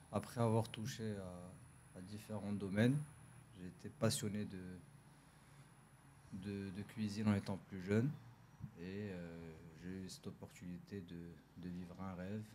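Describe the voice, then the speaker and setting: Low, mellow man searching for words. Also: little pitch movement, measured pace, a little hiss or hum. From Morocco. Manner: hesitant, searches for words, many restarts. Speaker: restaurant owner, guest. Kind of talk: casual interview. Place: podcast studio.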